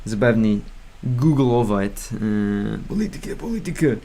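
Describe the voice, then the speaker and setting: A rambling young American streamer who is learning Russian talks in a lowish, dark voice with lively intonation. His casual livestream chat is halting and full of fillers and restarts as he hesitantly corrects his beginner Russian.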